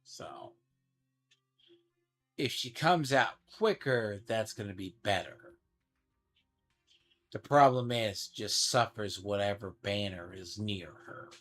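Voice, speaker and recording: Man, unhurried, lowish voice, casual gaming commentary, rambling, faint game music behind. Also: animated, a bit bright. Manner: rambling, thinking aloud. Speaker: gaming streamer.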